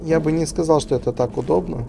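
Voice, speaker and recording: A man's voice: on the high side, quick pace, vocal fry. A man giving casual commentary as he plays a video game. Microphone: voice-over over game audio. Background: game music.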